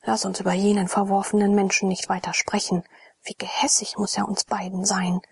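A woman's voice: medium pitch, level tone, fairly quick, vocal fry, slightly rough, no echo. A woman voicing a troubled young priest, half-whispered and earnest, in an audiobook reading.

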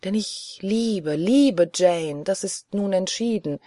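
An audiobook narrator reading a literary novel in first person, in a measured, earnest way. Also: mid-range voice, dark tone, no echo, clean studio sound.

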